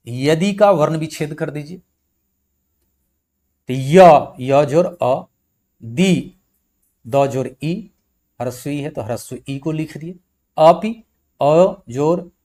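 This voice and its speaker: Slow, patient male grammar teacher. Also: high-pitched, darkish tone. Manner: patient, repeats and spells out each letter. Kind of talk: slow blackboard-style lecture.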